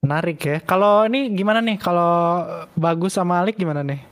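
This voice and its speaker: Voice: mid-range voice, fairly quick. A young host in their twenties leading a casual group chat on an online voice call, keeping it upbeat and inviting each person to speak. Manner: upbeat, prompting others. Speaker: discussion host.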